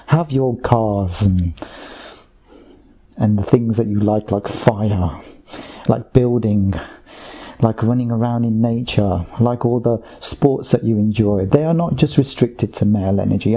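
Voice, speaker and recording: A man speaking under hypnosis as a channeled voice, slow and repetitive, addressing listeners like a sermon. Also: mid-range voice, dark tone.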